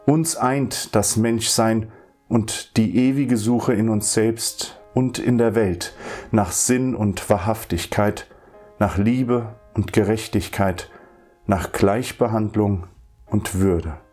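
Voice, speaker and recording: A man giving a formal spoken address to introduce a short radio play, measured and solemn in manner. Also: lowish voice, mellow, faint music behind.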